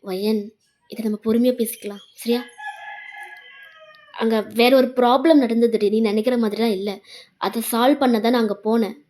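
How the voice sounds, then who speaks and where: Casting: woman playing an apologetic young boyfriend, coaxing tone, mellow voice on the high side. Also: fairly even intonation, normal speed, pauses often, lightly acted. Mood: pleading. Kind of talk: fan fiction voice-over.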